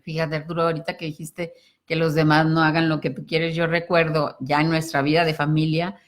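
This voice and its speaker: A middle-aged woman, co-hosting a personal growth talk. She gently encourages viewers, speaking to them directly. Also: low voice, little pitch movement, brisk.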